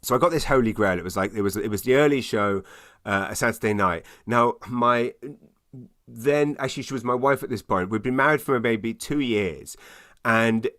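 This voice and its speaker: A British man, a stand-up comedian, telling a comic anecdote in casual conversation in an animated, self-deprecating way with stammered repeats. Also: medium pitch, normal speed.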